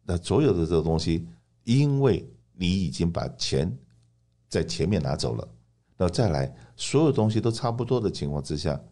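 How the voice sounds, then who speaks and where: A man's voice: deep voice, very animated, moderate pace, warm tone. A man hosting a radio talk show, explaining things like an agent, emphatically, with repetition and rhetorical questions. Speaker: radio host and insurance agent.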